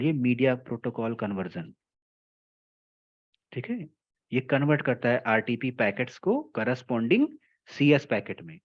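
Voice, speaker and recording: A telecom trainer gives a technical lecture at a patient, deliberate pace, going back over each point and pausing to check that his students follow. He explains slowly in Hindi mixed with English terms, frequently checking in with "theek hai." His voice sits at an ordinary middle pitch, and the recording sounds somewhat dull and muffled.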